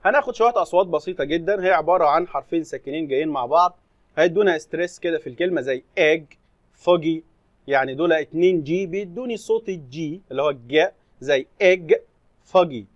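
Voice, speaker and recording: Man, Egyptian Arabic accent, English teacher, slow careful reading, high pitch, dry lo-fi sound. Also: no echo. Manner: reads English slowly, then explains in Arabic. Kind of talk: recorded classroom lesson explanation.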